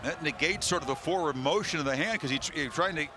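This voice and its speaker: A man's voice: on the high side, fast, noisy background. A man calling live football play-by-play as a broadcast announcer.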